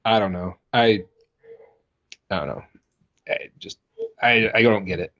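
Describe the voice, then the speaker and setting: A man's voice: on the low side, a little slow, a bit bright, lo-fi sound. A man co-hosting a podcast in casual chat, joking and filling his talk with "like". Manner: joking, lots of "like", mock quotes. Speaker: podcast co-host.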